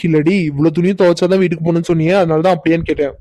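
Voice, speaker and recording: A cocky young village lad who loves to tease, voiced by a woman with a deep, flat, dark tone. He talks fast and slips his jokes in with mock innocence. Dry, close cartoon dub. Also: no room sound. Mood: teasing. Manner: teasing, unhurried, mock-innocent. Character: teasing young village man, cocky and playful. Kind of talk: cartoon voice acting.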